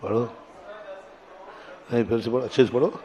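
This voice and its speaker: A man teaching a class, correcting students as they recite a verse and sounding out syllables slowly to show them how. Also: mid-range voice, mellow. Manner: patient, corrective, repeats syllables slowly to demonstrate. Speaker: Jain monk teacher.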